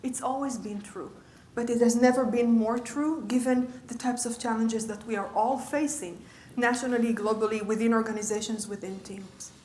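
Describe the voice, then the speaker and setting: A woman's voice: on the high side, fairly even intonation, moderate pace, hardly any pauses, a little mellow, reverberant, a little hiss or hum. A woman giving a conversational lecture as a leadership coach, often checking in with her audience. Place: lecture room.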